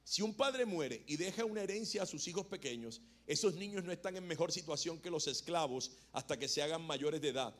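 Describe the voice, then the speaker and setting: A man's voice: fairly high pitch, expressive, a little fast, few pauses, a bit bright. A male pastor preaching a sermon in a church, chatting and joking with the congregation between points. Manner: conversational, jokes with the congregation. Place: church hall.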